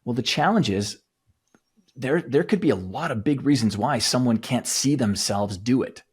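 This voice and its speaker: Husky-voiced man coaching emphatically. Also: mid-range voice, expressive, moderate pace. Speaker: guest, mindset coach to athletes. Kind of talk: conversational podcast interview.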